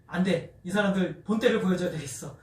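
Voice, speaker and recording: A man's voice: high voice, brisk, lightly acted. A pastor acting out a frustrated male missionary who sternly scolds villagers. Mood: angry, scolding. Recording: echoey church, distant mic.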